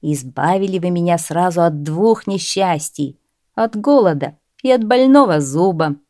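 A woman's voice: fairly low pitch, animated, measured pace, warm tone, no echo, studio quality. A woman voicing a sly, stubborn male peasant in a storybook reading. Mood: triumphant. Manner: stubborn, cunning, cheerfully boastful.

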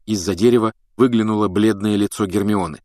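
A man narrating an audiobook in an expressive, dramatic reading on a close mic. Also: fairly low pitch, brisk, no room sound.

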